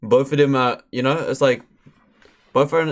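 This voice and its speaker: A man's voice: medium pitch, steady tone, moderate pace. A man live-streaming, casually commenting on a story in a chatty, laid-back way with slang. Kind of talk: casual chat.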